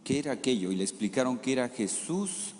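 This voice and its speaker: A man's voice: mid-range voice, big pitch swings, brisk, darkish tone, long reverb tail, slight background noise. A man, a priest giving a conversational homily, often asking rhetorical questions and acting out the quoted lines.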